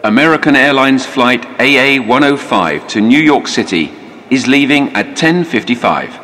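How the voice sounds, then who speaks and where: A man reading out airport departure announcements in a measured, formal way. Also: medium pitch, animated, a bit bright, a little hiss or hum. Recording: echoey hall reverb.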